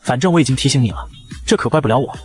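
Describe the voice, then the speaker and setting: A man narrating a comic story in the first person, brisk and wry. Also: mid-range voice, expressive, soft background music.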